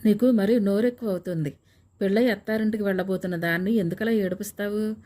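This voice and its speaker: A woman's voice: medium pitch, fairly even intonation, quick pace, warm tone, lightly acted. A woman reading a scolding old grandmother.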